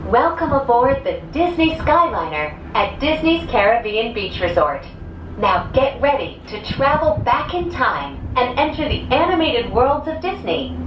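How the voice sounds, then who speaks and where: A woman's recorded announcement played over a gondola cabin loudspeaker, polished, measured and welcoming. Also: a little high, very animated. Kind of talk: scripted public announcement. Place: inside a moving gondola cabin. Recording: echoey, distant loudspeaker with ride noise.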